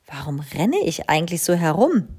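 Here is a self-centered storybook crow, pitched high and loud with a jumpy, swooping delivery. She whines and hurries through her words, as a woman reading the tale puts her on. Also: breathy edge, full character voice. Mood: flustered. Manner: excitable, whiny and hurried.

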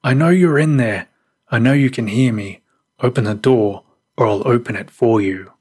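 A man voicing a deranged adult male stranger who demands and threatens, with a husky voice. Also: lowish voice, moderate pace, darkish tone. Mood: angry.

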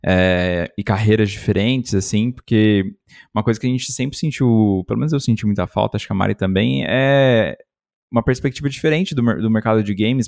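Man, Brazilian Portuguese accent, podcast host, informal slangy chat, gravelly fry, close dry sound. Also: on the low side, a little mellow, no room sound. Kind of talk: casual interview chat.

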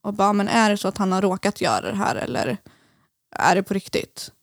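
Young woman podcast guest, gravelly voice, dry close sound, halting and full of fillers. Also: medium pitch, animated, no echo. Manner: hesitant, many fillers, speeds up and slows down. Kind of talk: personal story in casual conversation.

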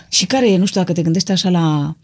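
A woman from Romania hosting a casual podcast, chatty and firing off quick follow-up questions. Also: lowish voice. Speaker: host.

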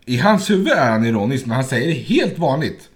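A man co-hosting a podcast, chatting casually and telling stories with frequent laughter. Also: medium pitch. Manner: animated storyteller, laughs often. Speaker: podcast co-host. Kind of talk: casual chat.

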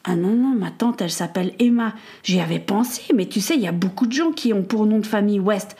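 A woman reading a storybook voices an earnest, worried young boy, slightly higher than her own voice, sometimes whispering a prayer. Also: animated, brisk, dark tone, natural voice.

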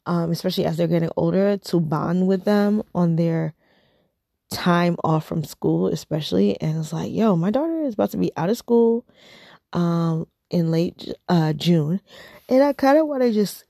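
A woman's voice: fairly low pitch, normal speed, gravelly, warm tone, dry recording, studio quality. A woman in her thirties chatting casually to camera, rambling and repeating herself, tired and yawning. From United States. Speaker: vlogger.

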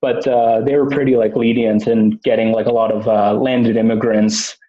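A man's voice: medium pitch, flat delivery, moderate pace. Man rambling with fillers, roomy lo-fi sound. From Canada. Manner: rambling, lots of fillers and restarts. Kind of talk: casual chat.

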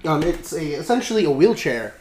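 A man's voice: fairly high pitch, big pitch swings, fairly quick. Rambling man in an echoey room. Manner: rambling, full of fillers and restarts. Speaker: podcast host. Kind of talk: casual chat about a tabletop game. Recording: echoey room with faint noise.

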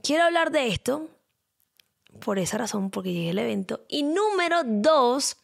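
A young woman hosting her own podcast, chatting in an expressive way and repeating words for emphasis. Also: a little high, normal speed, creaky. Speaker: podcast host. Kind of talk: casual solo podcast talk.

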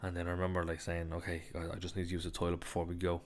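A man's voice: low-pitched, monotone, racing, a little hiss or hum. An Irish man telling a travel story to camera in a casual, chatty way, swearing freely and laughing at his own mishaps. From Ireland. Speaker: travel vlogger.

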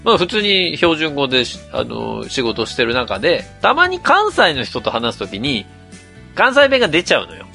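A man from Mie co-hosting a podcast in casual chat, animated and laughing as he complains. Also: a little high, normal speed, vocal fry, soft background music. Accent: Kansai-leaning Mie dialect. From Mie, Japan. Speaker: podcast co-host.

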